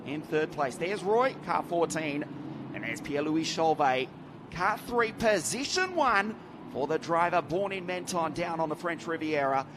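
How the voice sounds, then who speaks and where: Excited guy calling a race live, slightly high voice, chatty. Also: background noise. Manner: enthusiastic, chatty, laughs easily. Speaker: lead race commentator. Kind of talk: live motorsport commentary.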